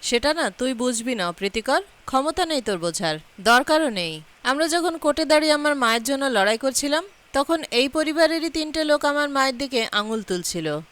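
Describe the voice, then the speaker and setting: A woman reading the lines of a bold, sharp-tongued young woman who teases and scolds, in a slightly high voice. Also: expressive, brisk. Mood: scolding. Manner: teasing, scolding.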